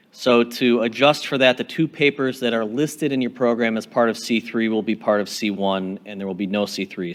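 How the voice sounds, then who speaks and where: A man reading announcements and introducing a speaker at a conference, plain and a little hesitant. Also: mid-range voice. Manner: plain, slightly hesitant with fillers. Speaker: conference moderator. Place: conference session room.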